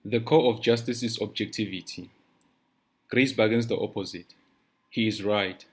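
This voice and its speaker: A man's voice: fairly low pitch, steady tone, natural voice. A man playing a brooding police detective. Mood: reflective. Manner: measured, reflective. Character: troubled, thoughtful male police detective.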